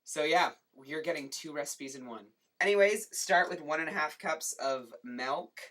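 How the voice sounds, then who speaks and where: A cooking show host giving a jokey home cooking demo in a kitchen, talking with playful asides and deadpan jokes. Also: mid-range voice, moderate pace.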